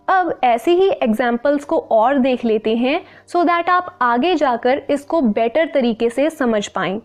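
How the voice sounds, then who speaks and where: High-voiced woman teaching a lesson. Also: darkish tone. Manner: clear, patient, mixing Hindi and English. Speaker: English teacher. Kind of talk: explaining a lesson to camera.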